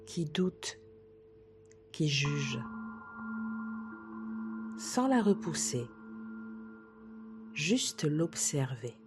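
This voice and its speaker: A woman sophrologist leading a guided relaxation session, speaking softly and soothingly, sometimes dropping to a whisper. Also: sits low, big pitch swings. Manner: soft, slow, soothing guidance, drops to a whisper at times. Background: soft background music.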